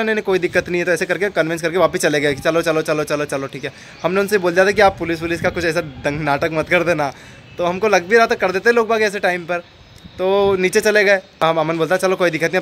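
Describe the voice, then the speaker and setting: A young man with a Rajasthani Hindi accent tells a story from his own life in a loose, chatty way. His voice sits a little high and he talks fast, with faint room sound in the background. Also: fairly bright tone, a little hiss or hum. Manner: chatty, repeats phrases, acts out quoted people. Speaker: storyteller vlogger. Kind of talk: casual spoken storytelling.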